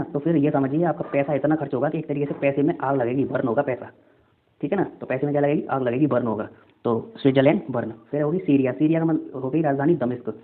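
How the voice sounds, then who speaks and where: Quick chatty male teacher, tinny audio. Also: medium pitch. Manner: repeats answers as quiz questions, chatty. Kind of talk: exam-prep lesson with memory tricks.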